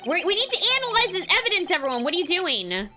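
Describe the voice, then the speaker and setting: A woman voicing an eager, excitable young female defense lawyer in an animated, exclamatory way for a video game read-aloud. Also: very high-pitched, fast, over music, pitched above the performer's own voice.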